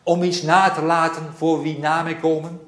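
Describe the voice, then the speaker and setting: A man preaching a sermon, with a slow, measured and reflective delivery that often repeats phrases. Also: a little high, little pitch movement, echoey room.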